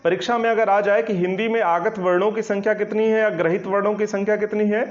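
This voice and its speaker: A male Hindi grammar teacher leads an online exam-prep lesson, explaining patiently and frequently making sure students are following. His voice is high, flat and fast, and the recording has a slightly dull, lo-fi sound.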